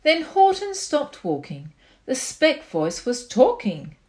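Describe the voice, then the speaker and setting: A woman reading a children's picture book aloud in an expressive storytime style. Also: high-pitched, takes it slowly. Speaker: storytime reader.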